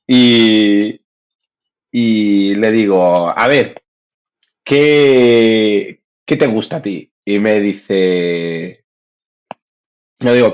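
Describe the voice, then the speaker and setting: Coach on a podcast, lowish voice, tells stories and plays both sides of the chat. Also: male voice. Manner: tells anecdotes, acting out both sides of a dialogue. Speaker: fencing coach and podcast co-host.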